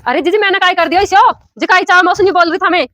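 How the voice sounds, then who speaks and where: A woman's voice: very high voice, fast, a bit bright, dry recording. A woman with a Rajasthani accent playing a defensive daughter-in-law, bickering in a village comedy sketch.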